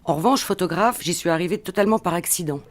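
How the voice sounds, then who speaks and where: Middle-aged woman, photographer, calm reflective interview voice, thoughtful pauses. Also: on the low side, slight background noise. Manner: thoughtful, pauses to search for words.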